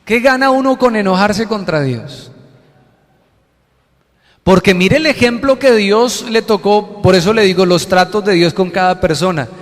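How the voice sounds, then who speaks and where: A man preaching a sermon as pastor, animated and joking. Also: sits high, a little slow. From Colombia. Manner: animated, joking, acts out quotes. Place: church hall. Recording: reverberant hall sound.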